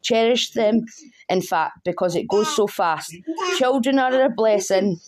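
A woman's voice: mid-range voice, expressive, unhurried, a crowd in the background. Woman reading a poem. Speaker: guest poet. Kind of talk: reading her own poem aloud.

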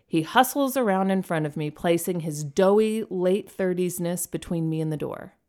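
Woman narrator for a first-person audiobook; lowish voice, dry and wry delivery. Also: moderate pace, darkish tone.

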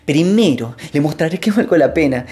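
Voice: medium pitch, animated, moderate pace, dark tone, natural voice. A storyteller voicing a driven, busy brother stacking stones, curt and preoccupied.

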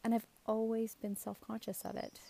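A woman's voice: fairly high pitch, level tone, moderate pace, vocal fry, mellow. A middle-aged woman giving a casual, earnest motivational talk as a coach, speaking out of the side of her mouth and checking in with emphatic questions. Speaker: self-esteem coach hosting a show.

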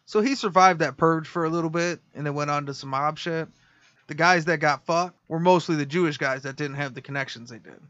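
A man's voice: fairly high pitch, brisk, a bit bright, no echo, lo-fi sound. A man hosting a casual podcast, telling a crime story and reading out quotes. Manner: storytelling, reads quotes, laughs along. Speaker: podcast host.

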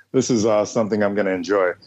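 Excitable, cursing man on a dull-sounding podcast mic. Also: lowish voice, fast. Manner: excitable, swears freely, casual. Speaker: podcast panelist. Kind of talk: casual podcast chat. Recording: slightly dull audio.

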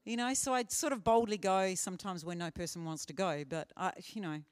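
A woman's voice: mid-range voice, a little fast. A woman speaker answering questions in a live teaching session, earnest and conversational with frequent fillers. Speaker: conference speaker. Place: conference hall.

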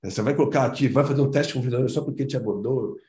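A man's voice: mid-range voice, racing, mellow, roomy sound. A man giving an informal business presentation to a committee, talking loosely with lots of fillers and slangy interjections.

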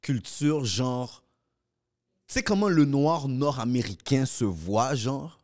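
Lively man reasoning. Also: medium pitch, slow. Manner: reasoned, questioning delivery. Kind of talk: casual podcast chat.

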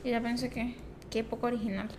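A young woman with a Venezuelan Spanish accent, co-hosting a casual chat over a word game, easygoing and quick to laugh. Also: fairly high pitch, flat delivery, a little mellow. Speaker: co-host. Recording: echoey room, faint noise.

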